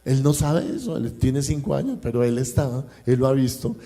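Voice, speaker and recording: Delivering his sermon at a moderate pace, this Colombian-accented pastor recounts something from his own life, acting out the exchanges and addressing the congregation directly. His mid-range voice is warm, with lively intonation.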